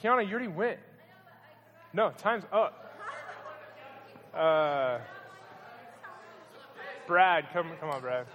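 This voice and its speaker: A young man emceeing a youth church event, teasing and quick-witted with the speakers. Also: a little high, big pitch swings, lo-fi sound. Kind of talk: joking emcee banter. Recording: noisy crowd in a hall.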